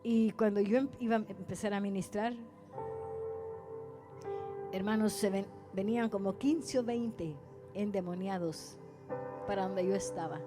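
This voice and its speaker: A woman's voice: medium pitch, unhurried, pauses often, over music. A woman evangelist preaching a testimony sermon, acting out dialogue and calling her listeners brothers. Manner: storytelling, addresses listeners as brothers, acts out dialogue.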